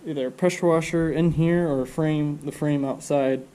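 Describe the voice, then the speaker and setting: A man's voice: a little high, normal speed, slight background noise, rough recording. A man with a stuffed-up nose, talking casually and rambling through his work in a home garage workshop. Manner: relaxed, rambling, thinks aloud with fillers. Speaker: car restoration vlogger.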